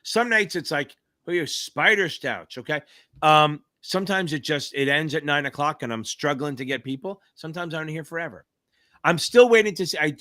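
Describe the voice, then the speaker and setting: A middle-aged man who hosts livestreams and tutors for exams runs a live Q&A chat, calling out viewers by name. His fairly high voice is bright and forceful as he hypes them up with swearing and shouted cheers.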